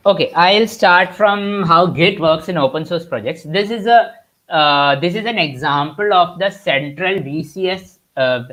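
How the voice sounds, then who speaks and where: A man's voice: on the high side, fairly bright tone. Young Indian man teaching, full of fillers. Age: young adult. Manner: halting, many fillers and restarts. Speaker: workshop instructor. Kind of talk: live online tutorial. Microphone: computer mic on a video call.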